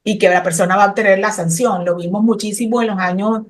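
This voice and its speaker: In this explanatory interview, a middle-aged woman from Colombia talks quickly in a medium-pitched, steady voice. She discusses immigration law both passionately and technically, frequently pausing on hesitant fillers.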